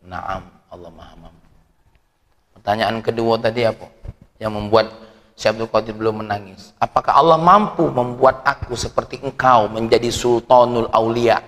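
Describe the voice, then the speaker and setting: A man's voice: medium pitch, normal speed. A man preaching a dawn religious lecture, telling stories and teasing his listeners. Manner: lively storytelling with teasing asides to listeners. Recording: long hall reverb.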